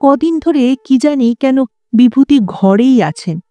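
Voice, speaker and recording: A woman narrating a literary story as an audiobook in a measured storytelling manner. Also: high voice, animated, mellow, dry recording, muffled recording.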